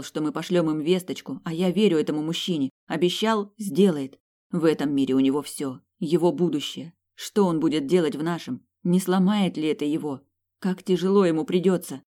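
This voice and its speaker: A woman's voice: low voice, mellow. A woman narrating a novel in the first person, with an emotive delivery that rises on exclamations and quoted lines. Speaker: audiobook narrator.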